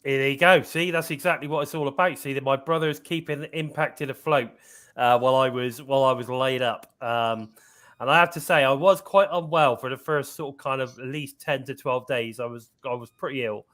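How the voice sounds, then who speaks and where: A man hosts a casual live-stream talk show, chatty and upbeat, stretching out his filler words. He has a lingering cough. His voice is mid-range and a bit bright.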